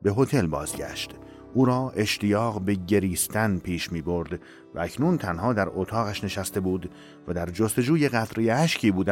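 Guy reading a dramatic story, lowish voice, soft music behind. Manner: measured, emotive storytelling. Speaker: narrator. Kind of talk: dramatic audiobook narration.

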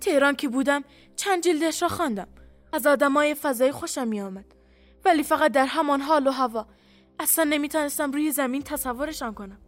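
A woman's voice: sits high, faint music behind, voice pushed up, close to an everyday voice. A woman voicing a stubborn, puzzled young woman prisoner. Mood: blunt, puzzled.

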